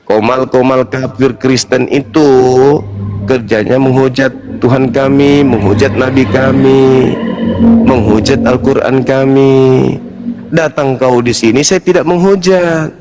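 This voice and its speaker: A man's voice: mid-range voice, fairly even intonation, measured pace, a little mellow. A man, an Islamic preacher in a heated religious debate, confrontational and mocking.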